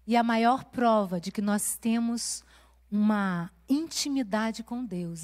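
A woman preaching a sermon at a women's conference in a church, telling a personal story with a passionate, rising and falling cadence. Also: medium pitch. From Brazil.

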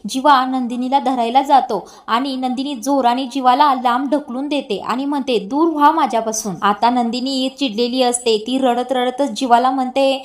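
A woman's voice: high-pitched, steady tone, normal speed, hardly any pauses. A woman narrating a recap of a TV serial episode, reading the characters' lines with light acting. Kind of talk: retelling a TV episode with dialogue.

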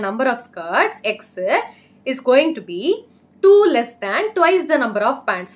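A young woman with a South Indian Tamil accent teaches step by step, as a native Tamil speaker would in an online class. Her voice is high and her delivery very fast, with quick check questions along the way. The audio is slightly dull and lo-fi. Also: a bit bright. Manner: instructive, frequent short check questions. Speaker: maths teacher. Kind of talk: online lesson, explaining step by step.

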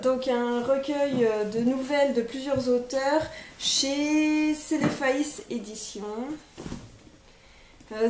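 High-voiced woman listing books slowly. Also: a little mellow. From France. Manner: hesitant, many fillers, lists titles one by one. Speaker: book vlogger. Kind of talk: casual chat presenting books. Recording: echoey room, faint noise.

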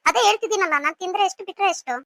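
Woman voicing a high, rapid-fire cartoon young wife, sulky and pleading. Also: pushed and bright, no echo, studio quality, exaggerated voice. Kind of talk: cartoon voice acting.

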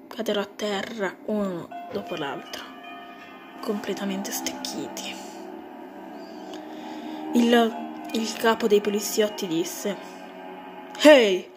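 A woman narrating a homemade creepy story in a plain, unhurried way with small slips. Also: mid-range voice. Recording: music bed under the voice. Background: music.

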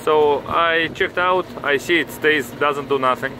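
A man with a heavy Russian accent talks through a repair job in a fairly high voice. His phrasing is halting and repetitive, as he explains each step as a technician. It is recorded outdoors with clear background noise. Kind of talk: hands-on repair demonstration. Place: outdoors on a commercial rooftop. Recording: noisy outdoor handheld recording, traffic ambience.

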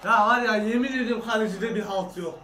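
A man's voice: sits high, fairly even intonation, fast, bright, forceful tone, slight background noise. A man reacting live to a football match, urging players on with exclamations, swearing and giving frank verdicts. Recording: roomy echo.

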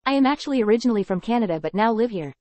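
A woman's voice: fairly high pitch, very fast, no echo. Careful woman repeating English phrases. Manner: says each phrase three times in a careful, even delivery. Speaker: model speaker for English learners. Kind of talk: slow repeated example sentences.

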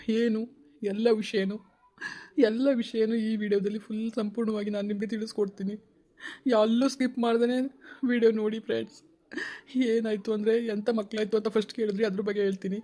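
A man's voice: high voice, warm tone. A man hosting his family vlog, crying as he talks to his viewers with a Kannada accent, repeating himself. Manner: tearful, pleading, repeats phrases. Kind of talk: emotional personal vlog talk to viewers.

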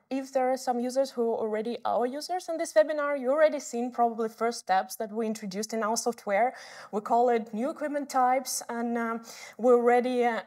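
Woman, fairly high voice, product expert, webinar demo, many ums and uhs. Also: a little mellow. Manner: hesitant, many filler sounds; quick, earnest explaining.

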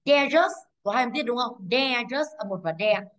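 A woman teaching English, with a Vietnamese accent, reviews an exam in a slightly high, fairly quick, somewhat bright voice. She explains patiently, using rhetorical questions to check in and correcting herself along the way.

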